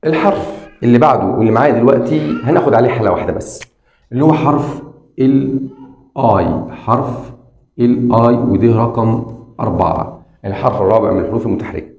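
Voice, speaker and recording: A man with an Egyptian Arabic accent teaches English phonics to beginners, repeating sounds slowly and talking straight to the viewer. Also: medium pitch, a little mellow, echoey room. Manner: drills sounds slowly and repeats them, addresses the viewer directly.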